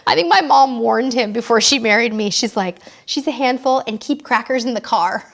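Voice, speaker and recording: A woman in her forties with a high, bright-pitched voice hosts a live stream, chatting casually with viewers. She reads their comments aloud and answers each one, bubbly and full of quick asides. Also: creaky. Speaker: host of a live cruise Q&A.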